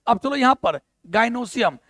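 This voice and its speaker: A man's voice: extremely high pitch, animated, slow, a bit bright, dry recording. A male biology teacher with a Bihari Hindi accent gives a lecture on a mind map, keeps asking questions and answering them himself, and mixes in English terms.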